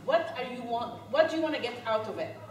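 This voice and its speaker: A woman from Egypt runs a live workshop, talking with a bright, fairly high voice and a quick laugh. She is recorded from across a reverberant conference room. Steady room noise sits under her voice. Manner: lively, laughing, quizzes the audience. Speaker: workshop speaker. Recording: echoey room, recorded from far.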